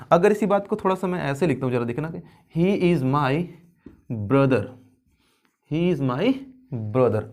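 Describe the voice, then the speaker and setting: Jokey grammar teacher guy, kinda high voice. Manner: playful, jokey, addresses viewers as kids. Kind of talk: classroom lesson.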